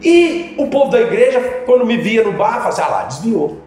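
A man's voice: very high voice, big pitch swings, fast talker, darkish tone. A man, a guest musician on a podcast, telling his life story casually in slangy speech that rises into fervent emphasis. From Minas Gerais, Brazil. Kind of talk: casual personal testimony. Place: podcast studio. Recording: very echoey room with background music.

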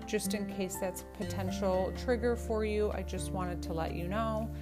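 A woman's voice: mid-range voice, steady tone, normal speed, over loud music. Chatty woman podcast host. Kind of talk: casual interview chat.

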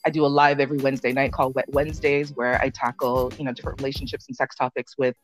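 A woman's voice: a bass voice, little pitch movement, racing, soft background music. Earnest middle-aged Jamaican-born woman guest. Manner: warm, earnest, laughs readily. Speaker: podcast guest, sex and relationship content creator. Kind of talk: casual podcast interview.

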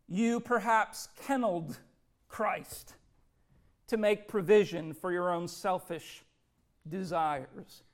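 A pastor preaching an impassioned sermon, swinging from hushed, tender passages to loud, ringing declarations. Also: male voice, high voice.

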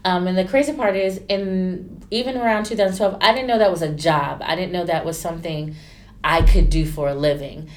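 A woman, a stylist chatting candidly in an interview and acting out quotes with lively turns. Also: lowish voice, a little fast. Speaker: stylist and entrepreneur. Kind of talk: casual interview storytelling.

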